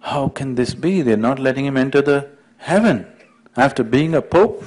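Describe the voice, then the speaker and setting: Man voicing an offended pope, high and pushy, indignant protests. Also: animated, normal speed, darkish tone, lightly acted. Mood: distraught. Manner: outraged, insistent, high-pitched protests. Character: indignant pompous male pope at heaven's gate.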